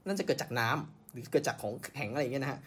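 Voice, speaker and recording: ผู้ชายพูดเร็ว เสียงแหบเล็กน้อย. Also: male voice, medium pitch, lively intonation, breathy edge. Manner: rapid, with many filler sounds and self-corrections. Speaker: podcast host. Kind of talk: casual science storytelling.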